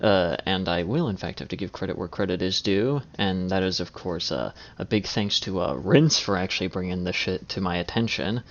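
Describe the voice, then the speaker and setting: A man's voice: low-pitched, normal speed, few pauses. A man giving wordy reaction commentary as a video host, sarcastic, exasperated and given to swearing. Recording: dull lo-fi, faint music behind.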